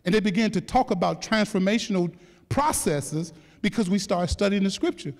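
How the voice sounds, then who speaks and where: A man's voice: high-pitched, moderate pace, gravelly. An older man giving a keynote talk, telling his story animatedly, laughing and joking with the audience. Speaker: keynote speaker. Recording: echoey hall reverb.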